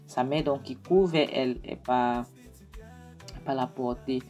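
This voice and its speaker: A woman with a notably low, deep voice talks her viewers through the plot of a series in a chatty, familiar way. She slips the characters' lines into her retelling and adds affectionate asides. A little music sits faintly underneath. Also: slow, dark tone. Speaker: video reviewer recapping a TV series. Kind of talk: casual spoken recap to viewers.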